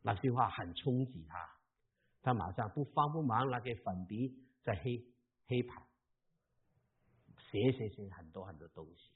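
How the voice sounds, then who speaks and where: Husky male pastor preaching, tinny sound. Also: on the low side, expressive, measured pace, pauses often. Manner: emphatic, swings between loud and soft. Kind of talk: sermon.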